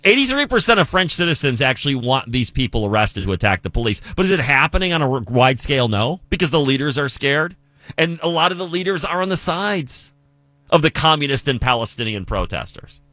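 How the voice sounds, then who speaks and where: A man's voice: medium pitch, big pitch swings, a little fast, sharp tone, dry recording. A man from the United States hosting a political commentary show, talking emphatically and asking rhetorical questions.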